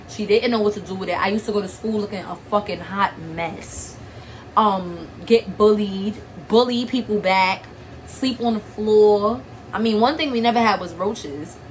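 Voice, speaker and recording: Crying through a personal vlog, a young woman from Harlem, New York, speaks bluntly and profanely in streetwise talk, her voice shaky and her nose stuffy. Her medium-pitched voice comes through poor audio with a little hiss or hum.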